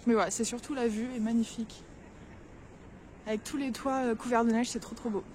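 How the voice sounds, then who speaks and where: A young woman's voice, on the high side and darkish, holds a steady tone at a slightly fast pace as she vlogs from a snowy castle and Christmas market. She addresses viewers directly, chatting casually with plenty of fillers while tasting market food, and street noise is audible in the outdoor recording.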